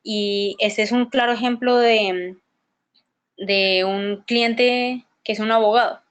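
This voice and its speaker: A woman's voice: a little high, fairly even intonation, slow pace, smooth. A woman giving a conference presentation, explaining ideas step by step, often restarting and repeating words, and checking in with tag questions. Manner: asks listeners for agreement with tag questions.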